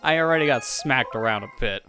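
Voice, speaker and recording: A man's voice: medium pitch, fast talker, bright, forceful tone, soft background music. A man giving casual let's play commentary, explaining game details with a joking manner.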